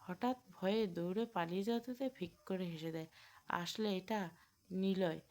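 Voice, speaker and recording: A woman reading a romantic audio novel aloud, narrating the scenes in a steady, expressive storytelling voice. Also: lowish voice, moderate pace.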